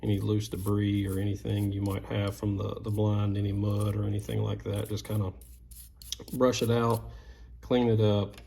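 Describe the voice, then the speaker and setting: A man's voice: lowish voice, completely flat delivery, moderate pace, creaky, mellow, slight background noise. A man giving casual, plain-spoken how-to instructions step by step, as a craftsman sharing repair tips. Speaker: duck call maker giving repair tips.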